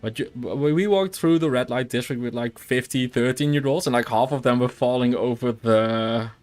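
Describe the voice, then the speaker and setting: Rambling through casual gameplay chat on stream, this young Dutch man, Dutch-accented, keeps restarting and leaning on fillers. He speaks at a moderate pace in a mid-range, slightly mellow voice.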